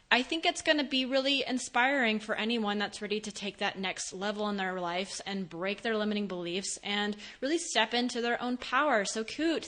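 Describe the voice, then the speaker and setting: A woman's voice: on the high side, sharp tone. A woman hosting a podcast in a casual, upbeat and enthusiastic way. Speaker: podcast host.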